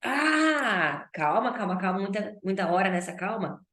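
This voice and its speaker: Slow-talking woman teaching English. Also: mid-range voice, very animated, fairly bright tone, reverberant. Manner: chatty, playful, mixes Portuguese with English. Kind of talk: online English class.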